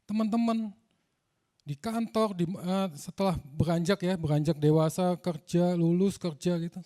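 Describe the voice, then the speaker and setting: At a moderate pace, this Indonesian preacher addresses his congregation with a conversational, story-driven sermon, his high voice carrying a dark tone. Casual fillers pepper his talk, especially "gitu."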